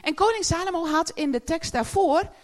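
Woman giving a sermon, high voice that swings all over, chatty, laughs a lot. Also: normal speed. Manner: lively, chatty, laughs often. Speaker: preacher. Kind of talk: sermon to a congregation.

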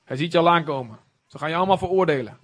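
A man's voice: fairly high pitch, expressive, racing, fairly bright tone. A man voicing the devil as an insistent male tempter who urges the listener to run away. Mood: urging. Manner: pushy, urging.

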